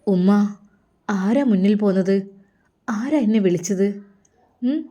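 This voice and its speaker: Brief: woman doing a bedridden young man, quiet and evasive. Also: mid-range voice, slow, lo-fi sound. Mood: resigned.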